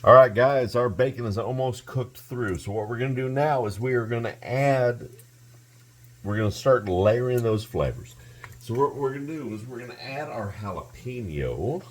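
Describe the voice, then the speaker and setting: A man's voice: mid-range voice, lively intonation, normal speed. A man hosting a casual cooking tutorial from his home kitchen, chatty and talking straight to his viewers. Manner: chatty, keeps addressing viewers as guys. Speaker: cooking channel host.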